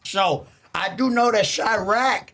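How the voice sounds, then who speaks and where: A man's voice: high voice, takes it slowly, bright, forceful tone. A man chatting as a podcast guest, playful and sing-song, slipping into rhyming baby talk. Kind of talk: casual comedic chat in character.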